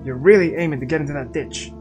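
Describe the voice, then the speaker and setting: A man voicing a gruff, hostile middle-aged animal mother in a video game, over soft game music. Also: on the high side, fast, close to an everyday voice. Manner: suspicious and hostile.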